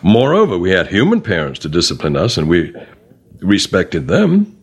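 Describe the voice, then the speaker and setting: Bible teacher, man, low voice with wide swings, animated and chatty. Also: moderate pace, slightly rough. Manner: animated, conversational, reads scripture aloud.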